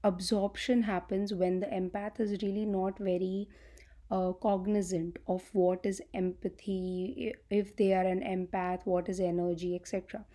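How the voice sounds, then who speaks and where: Recorded straight on her device with no mic, a young woman who hosts a channel and works as a healing coach chats casually with her viewers. She's soft-spoken, slow and explanatory, with a flat delivery and frequent fillers, and by her own account her voice is low.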